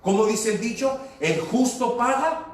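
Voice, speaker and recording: A man's voice: extremely high pitch, animated, measured pace. A man preaching a sermon, telling stories and slipping into English phrases. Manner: storytelling, switching into English phrases. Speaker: pastor. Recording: echoey hall, voice from far off.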